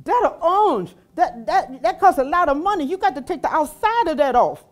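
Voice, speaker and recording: A woman voicing a flustered male slave owner who exclaims in a high, loud voice while telling a story. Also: expressive, fairly quick. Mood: alarmed.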